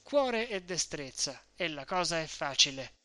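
Guy reading a bossy know-it-all mom explaining stuff, bright tone, dry close sound. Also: on the high side, big pitch swings, measured pace, no room sound, heavily acted. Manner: insistent, explaining. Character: shrewd talkative middle-aged mother.

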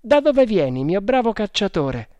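A narrator voicing a jovial, bossy male army sergeant who calls out in a loud, high, hearty voice, in a storybook reading. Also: big pitch swings, moderate pace, no echo, muffled recording. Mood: hailing. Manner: hearty, calling out.

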